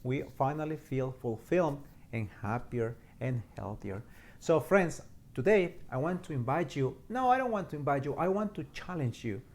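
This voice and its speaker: A priest from Mexico, speaking a short homily in an earnest way, often repeating words as he searches for them. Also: a little high.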